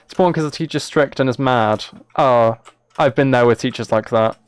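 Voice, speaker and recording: On a gaming stream, the British streamer in his late teens or early twenties talks fairly fast with a clean, medium-pitched voice. He keeps things casual, wry, and jokingly fed up.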